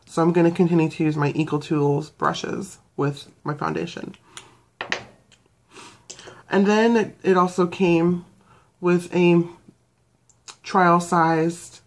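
A young woman giving a casual beauty product review, rambling with fillers and self-corrections. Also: low-pitched. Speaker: beauty vlogger.

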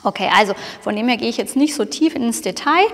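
A woman's voice: fairly high pitch, animated, fairly quick, fairly bright tone. Encouraging woman coaching a movement class. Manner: encouraging, counts and cues the moves, often says "wonderful". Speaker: dance instructor. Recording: long hall reverb.

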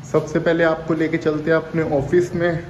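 Here the young gym owner speaks in a monotone at normal speed, his voice on the high side, as he casually shows viewers around his large indoor gym and addresses them as "brother." He films on a phone held at arm's length; the audio is dull, echoey and carries faint ambient noise.

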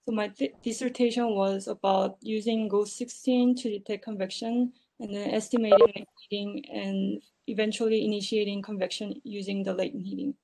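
A woman from South Korea introducing herself on a video call, sounding a bit tired and trailing off softly at the ends of phrases. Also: mid-range voice, little pitch movement, normal speed, gravelly, few pauses. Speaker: early-career researcher. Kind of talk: online panel self-introduction.

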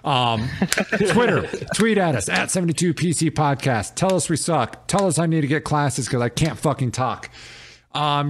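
Male podcast host, mid-pitched, loose and jokey, a bit mumbly. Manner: loose, joking, trails off and mumbles. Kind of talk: casual gaming podcast chat.

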